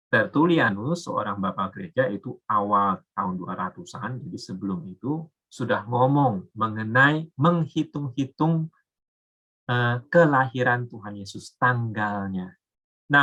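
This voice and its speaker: A man's voice: mid-range voice, pushed and bright, slightly rough. A man giving a casual Bible lesson, explaining step by step with frequent filler words. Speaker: Bible teacher. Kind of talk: casual teaching talk.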